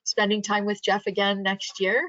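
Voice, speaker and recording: A woman's voice: mid-range voice, completely flat delivery, normal speed, no echo. Effusive woman hosting a webinar. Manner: effusive, thanks the guest warmly. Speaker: webinar host. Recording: dry, dull lo-fi webinar audio.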